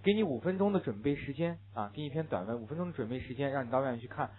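Male English teacher lecturing a class, mid-pitched voice, drills words slowly; tinny lo-fi recording. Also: lively intonation, slight background noise. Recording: narrow phone-like lo-fi sound.

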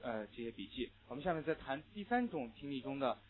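A male English teacher gives a classroom lecture on linked sounds in listening tests, with "ah" fillers and slow repeat-after-me drills. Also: mid-range voice, big pitch swings, a little hiss or hum. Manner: explains rules with frequent "ah" fillers, then models words slowly. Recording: tinny phone-like audio.

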